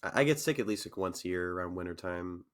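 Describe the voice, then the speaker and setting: A man's voice: low-pitched, animated, fast, fairly bright tone. A young man co-hosting a casual podcast, sick with a phlegmy cough, joking and teasing his friend. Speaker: podcast co-host. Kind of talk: casual banter.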